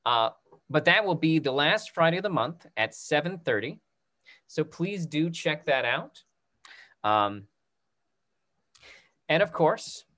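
A medium-pitched, slightly bright-voiced man in his thirties hosts a theatre talkback as its instructor. Over a video call from an indoor room, he informally makes announcements via his computer microphone, sounding encouraging though a little unsure.

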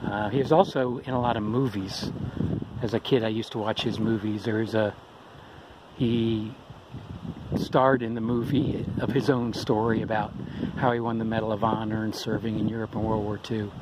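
Chatty middle-aged hiker on a trail. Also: male voice, fairly low pitch, flat delivery, normal speed. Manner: chatty, rambling, with ums and uhs. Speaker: thru-hiker vlogger. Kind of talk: casual trail vlog. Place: outdoors on a forest trail. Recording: outdoor noise behind the voice.

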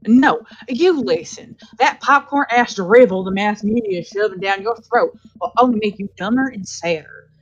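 A woman's voice: medium pitch, moderate pace, natural voice. A woman voicing a combative middle-aged film-snob man from a video game, blustering like a wannabe tough guy. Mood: indignant. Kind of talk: dramatic reading of visual novel dialogue. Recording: dull lo-fi audio with music behind.

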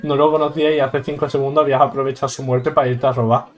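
A man's voice: mid-range voice, flat delivery, very fast. A man from Spain with a Spanish accent gives joking, exclamatory let's-play commentary on a game and laughs often. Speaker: gaming YouTuber.

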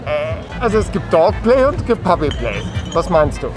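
A man's voice: a little high, sing-song, normal speed, music in the background. A man rambling through a long explanation with fillers, outdoors at a street parade. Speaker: interviewee. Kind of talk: casual answers on the street.

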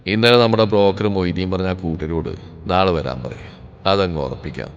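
A man's voice: clear, resonant tone, lo-fi sound, close to an everyday voice. A man voicing a stern older uncle and family elder who speaks firmly and with command. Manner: firm, commanding, low and measured. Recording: reverberant room with background music.

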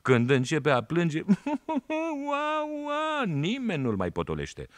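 A man voicing a cheeky, quick-witted village schoolboy, a raftsman's son, with playful sing-song calls. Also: on the high side, huge pitch swings, heavy background noise, pitched above the performer's own voice.

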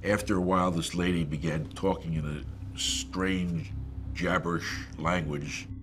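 A man interviewed for a documentary, speaking in a grave, slow way. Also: deep voice, fairly even intonation, over music.

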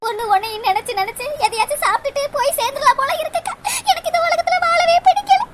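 A woman's voice: extremely high pitch, quick pace, slight background noise. A woman voicing a tearful young cartoon woman with a southern Tamil accent, pleading and sobbing between words. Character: tearful young woman forced into an arranged match. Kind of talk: dubbed cartoon comedy.

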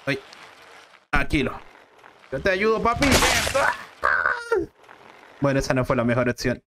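A man voicing a calm father who keeps reassuring his son in a slow, low voice. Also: heavy background noise. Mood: soothing. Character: calm soothing father Roberto.

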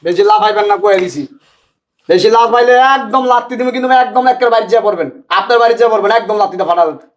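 A man's voice: high-pitched, very fast, lightly acted. An actor playing a rude, hot-tempered young husband who rants at his wife and father-in-law in a short village drama. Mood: threatening. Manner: angry, insulting tirades. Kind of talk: Bangladeshi short drama acting.

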